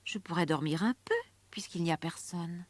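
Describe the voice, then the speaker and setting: A woman voicing a curious young girl in a high voice with hushed asides. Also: very animated, normal speed, no echo.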